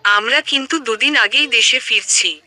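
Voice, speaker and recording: A woman's voice: on the high side, normal speed, pushed and bright, dry recording. A woman voicing an affectionate, teasing young man talking to his fiancée on the phone in an audio story. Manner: playful, teasing.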